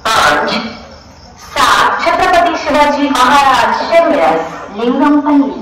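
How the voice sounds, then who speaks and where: Woman's station announcement over loudspeaker. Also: high voice, animated. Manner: slow, spelled-out train numbers. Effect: outdoor loudspeaker. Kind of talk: public announcement. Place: outdoor railway platform. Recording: echoey loudspeaker from far off, noisy platform.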